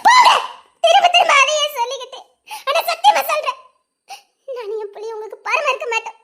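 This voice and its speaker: A woman acting out a wounded young wife in a homemade drama, tearful but defiant. Her voice is very high and bright, with a Tirunelveli Tamil accent. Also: animated, fast talker, exaggerated voice. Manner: tearful and defiant, keeps telling him to go. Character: hurt, proud young wife pushing husband away.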